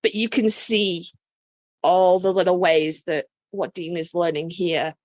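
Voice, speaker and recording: A British podcast co-host chats casually and emphatically in a fan discussion, using informal, sweary phrasing. Her voice is on the low side, steady and darkish in tone, a little slow, with no room sound.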